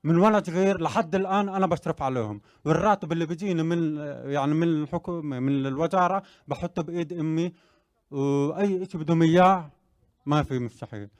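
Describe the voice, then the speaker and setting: A man's voice: fairly high pitch, quick pace, a little mellow, no room sound. A young man tells his own story with earnest conviction, building to emphatic motivational declarations. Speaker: interviewee sharing his story. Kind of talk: personal testimony and motivational speech.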